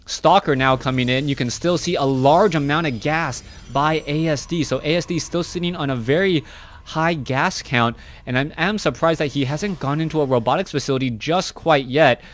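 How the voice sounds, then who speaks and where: A man's voice: a little high, moderate pace. A man giving live play-by-play commentary on a strategy video game, chatty and often correcting himself mid-sentence. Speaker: esports caster.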